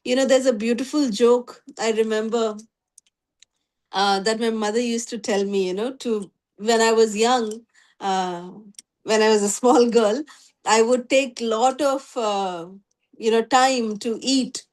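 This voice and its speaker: Woman, high voice, devotional teacher speaking over a video call, loose storytelling delivery. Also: steady tone, a little slow, darkish tone. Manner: storytelling, with frequent "you know" fillers. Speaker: spiritual class teacher. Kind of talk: devotional scripture class. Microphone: online video call.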